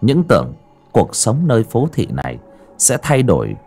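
A man narrating a horror audiobook in a dramatic, expressive way. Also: mid-range voice, moderate pace, gravelly, soft background music. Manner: expressive, rising and falling with the drama.

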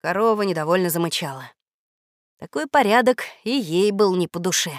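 A woman narrating a children's audiobook in a lively, expressive manner. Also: on the low side, moderate pace, no room sound, studio quality.

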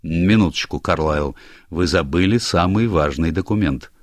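A man's voice: deep voice, moderate pace, no echo, close to an everyday voice. A man voicing a stern older male minister who speaks curtly and with authority, in an audiobook. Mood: commanding. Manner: curt, commanding, irritable. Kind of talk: audiobook character voice.

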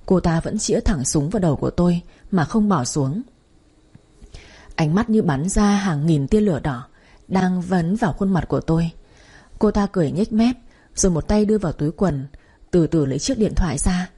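Woman storyteller, husky low voice, mellow tone, measured first-person narration. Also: animated.

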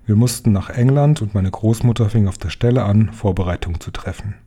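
A man reading a children's story aloud in steady, calm first-person narration. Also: lowish voice, fairly quick, breathy edge. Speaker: audiobook reader.

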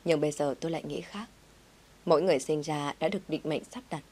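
A woman narrating an audio story in a gentle, reflective first-person reading. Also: low voice, steady tone, fast.

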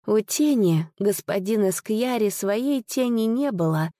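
A woman narrating a fairy-tale audiobook in an expressive storytelling manner. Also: medium pitch, a little slow, no room sound, clean studio sound.

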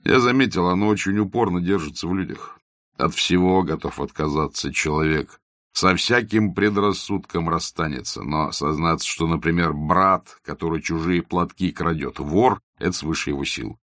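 A man's voice: deep voice, normal speed, a bit bright, dry recording, clean studio sound. A man voicing a scornful young nihilist who talks in curt, sarcastic jabs. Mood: mocking.

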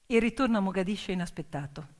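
A woman storyteller delivers an intense, emphatic stage monologue in short bursts of suspense, her medium-pitched voice animated and very fast. A piano accompanies her, and the sound carries a long hall reverb.

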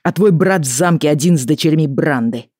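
An audiobook reader voicing a stern, worried middle-aged father who speaks gravely and wearily. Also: mid-range voice, a little mellow, no echo, clean studio sound, natural voice. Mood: grave, weary. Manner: grave, measured, weary. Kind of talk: audiobook character reading.

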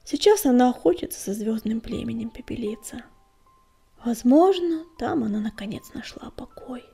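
A woman narrating a storybook in a whispery, breathy voice. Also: a little high, expressive, normal speed, dark tone, faint music behind. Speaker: audiobook narrator.

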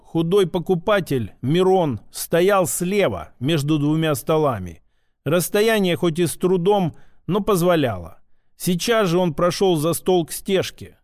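Guy reading an audiobook, first person, measured and even, a bit higher voice, dry close mic. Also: no echo. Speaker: audiobook narrator.

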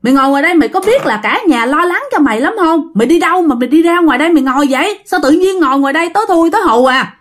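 A woman's voice: high voice, lively intonation, moderate pace, hardly any pauses, a little mellow, voice pushed up. A woman voicing worried young male cousins who scold urgently.

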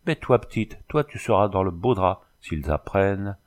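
Man as a rustic carter, gruff, excitable, blunt, deep voice. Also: normal speed. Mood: agitated.

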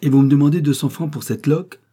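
A man's voice: low-pitched, animated, warm tone, husky. A man voicing a careful, proud young widow in an audiobook reading, speaking briefly and bluntly. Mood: brisk. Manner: short and brisk.

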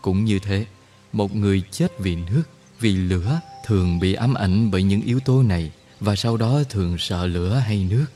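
A gentle, wise older guide voiced by a man in a low, mellow tone. He explains in a slow, measured, soothing way, like a kindly mentor in an audiobook story. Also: faint music behind, close to an everyday voice. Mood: calm.

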